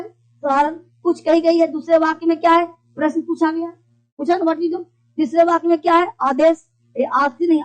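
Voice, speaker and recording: High-voiced woman teaching English. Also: low-quality recording. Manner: repetitive, keeps checking understanding; reads English examples slowly and deliberately. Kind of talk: online class lesson.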